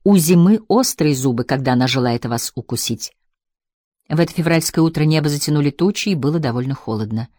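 Woman audiobook narrator, lowish voice, measured reading, dry close sound. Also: expressive, dark tone, no echo. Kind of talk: scripted narration.

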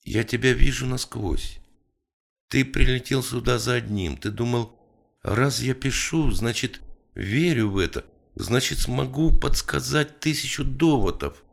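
A man's voice: mid-range voice, measured pace, gravelly, voice pushed up. A man reading an audiobook, voicing a gloomy middle-aged male writer who argues earnestly and pleads with his friend. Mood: pleading.

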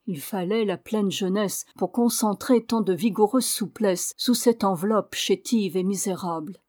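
A woman reading a classic adventure novel aloud in a measured storytelling manner. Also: medium pitch, darkish tone. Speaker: audiobook reader. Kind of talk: scripted narration of a novel.

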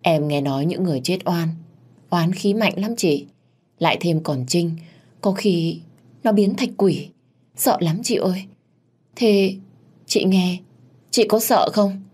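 Woman doing sly young wife faking fear, pleading, low voice. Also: takes it slowly, long pauses, a little mellow, breathy edge. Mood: fake dread. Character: cunning young wife feigning ghostly fear.

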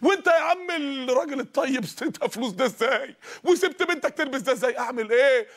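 A man with an Egyptian Arabic accent preaching in colloquial style, impassioned, swinging from shouts to hushed storytelling. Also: very high-pitched, lively intonation, fast talker.

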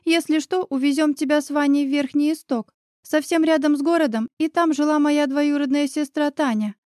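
A woman reading an audiobook gives a character voice to a lively, caring young woman friend who talks briskly and decisively. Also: high-pitched, no room sound, clean studio sound, voice pushed up, natural voice. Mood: reassuring.

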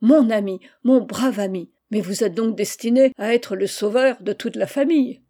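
A woman's voice: mid-range voice, moderate pace, mellow, close to an everyday voice. A woman reading a hearty old general. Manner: hearty, exclamatory. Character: warm-hearted older male general, hearty.

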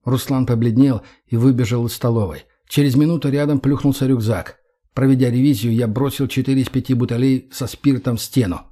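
A man narrating a first-person audiobook in short, clipped, measured phrases. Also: medium pitch, fairly even intonation, dark tone.

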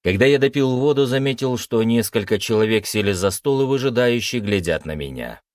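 A man narrating a first-person science-fiction story aloud in an expressive storytelling manner. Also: medium pitch, a little fast, no room sound, clean studio sound. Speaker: audiobook narrator.

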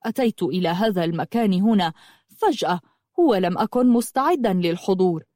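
A woman's voice: medium pitch, animated, brisk, mellow, dry recording, studio quality, natural voice. A woman voicing a lovesick, bewildered young male student in an audiobook story, speaking earnestly and explaining himself.

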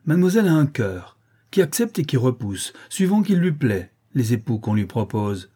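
A man's voice: moderate pace, warm tone, natural voice. A man reading aloud voicing a haughty, furious old noblewoman who speaks with crushing scorn. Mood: scornful. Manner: scornful, shrill when enraged.

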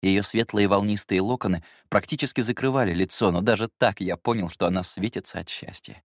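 A man reading a first-person story aloud in a calm, measured way. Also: fairly low pitch, no echo, studio quality. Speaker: audiobook reader. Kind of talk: first-person audiobook narration.

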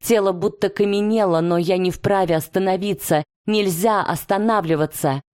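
A woman's voice: medium pitch, moderate pace, darkish tone. A woman narrating a first-person fantasy audiobook with intense, dramatic delivery.

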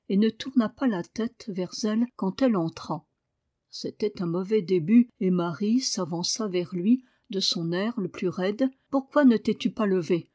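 This is scripted narration of a novel by a female audiobook reader, whose mid-range voice keeps a measured, even storytelling pace.

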